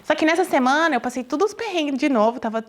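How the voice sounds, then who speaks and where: A Brazilian woman sharing a personal testimony, telling it with lively voices for the people in her story. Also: high voice, quick pace. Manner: animated, acts out quoted dialogue, addresses listeners as "gente".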